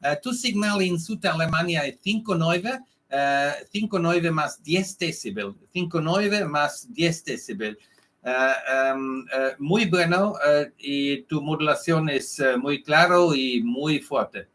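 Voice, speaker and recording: A man with a German accent handles a ham radio contact. His voice is a little high and his pace a bit slow. As a native German speaker still learning, he hesitates and searches for words. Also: lively intonation, fairly bright tone. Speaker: amateur radio operator.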